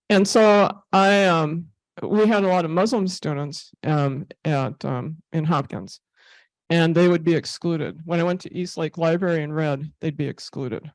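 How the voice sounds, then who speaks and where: A woman's voice: on the low side, a little mellow, dry recording. A woman giving a casual talk with slides as a therapy animal volunteer, a chatty storyteller who laughs often and uses many fillers.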